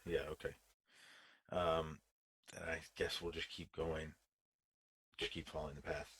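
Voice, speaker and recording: A man's voice: a bass voice, flat delivery, a little slow, fairly bright tone, husky. A man playing in a tabletop game, hesitant and casual, with many fillers and easy laughter. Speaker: player.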